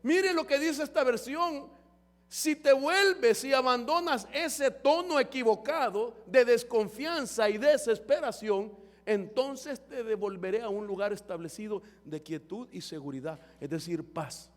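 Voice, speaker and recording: A man's voice: extremely high pitch, unhurried. A man preaching a fervent sermon as pastor, often calling his listeners brother. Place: church hall. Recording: long church hall reverb.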